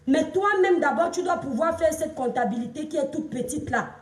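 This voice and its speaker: A high-pitched Cameroonian woman with a Cameroonian French accent, her voice hoarse from shouting, talking on a casual live stream. She greets viewers and lectures them in a chatty, pleading tone. She sits back from the phone in a roomy space. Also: expressive, moderate pace, far from the mic. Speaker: livestream influencer and seller. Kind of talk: casual Facebook live chat.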